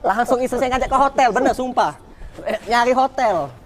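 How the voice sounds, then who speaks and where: A man telling his personal story as a guest in an interview, animated, repeating words for emphasis and acting out dialogue. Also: very high voice, a little fast, a little hiss or hum. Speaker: guest, founder of a free restaurant.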